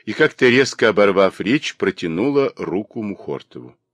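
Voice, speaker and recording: A man narrating a novel in an expressive literary reading. His voice sits low but rises and falls in lively swings. It is recorded close and dry, with no room sound. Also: normal speed, no echo. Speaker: audiobook narrator.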